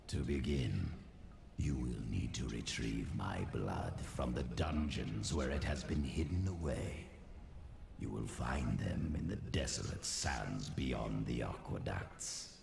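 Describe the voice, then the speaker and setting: A man playing a sinister undead sorcerer in a video game, with a gravelly voice and slow, theatrical villain menace. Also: rumbling low, full character voice. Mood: mocking, scheming. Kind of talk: dramatic video game voice acting. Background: game music.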